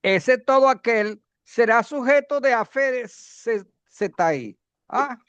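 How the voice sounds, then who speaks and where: A man teaching Bible Greek grammar in a classroom lecture, halting, with many fillers and questions to the class. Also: extremely high pitch, animated, fairly bright tone, clear, resonant tone, no room sound, lo-fi sound.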